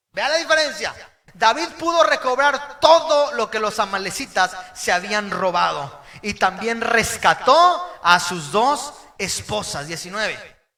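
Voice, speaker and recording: High-voiced, bright preacher. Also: male voice. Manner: emphatic preacher, calls the congregation to repeat words, sometimes shouts. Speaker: pastor. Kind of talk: sermon.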